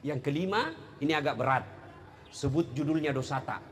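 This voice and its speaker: A man preaching a humorous sermon, acting out quoted dialogue with animated storytelling. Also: fairly high pitch, normal speed, slight background noise.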